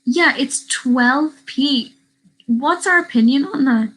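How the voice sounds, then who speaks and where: A teen YouTuber from Northern Ireland chats on a livestream, rambling and answering chat questions. She has a high-pitched, fairly bright voice and a slow pace, with poor audio from her webcam.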